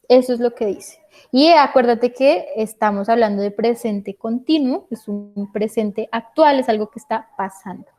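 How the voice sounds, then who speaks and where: Woman, English teacher, patient online class, quizzes students, fairly high voice. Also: dark tone. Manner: patient, checks understanding with questions.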